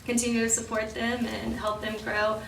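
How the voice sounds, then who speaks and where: A downtown business promoter reports to council in a chatty, informal way, full of ums, restarts, and self-corrections. Her voice is on the high side, monotone, at a moderate pace, and slightly raspy from cheering over the weekend. The council chamber is echoey, with the mic far off and faint hiss.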